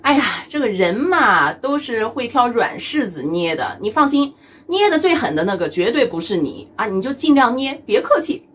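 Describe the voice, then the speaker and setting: A woman's voice: on the high side, very animated, moderate pace, a bit bright, a little hiss or hum. A woman from China, doing a chatty, teasing comedic monologue as a vlogger and laughing often. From mainland China.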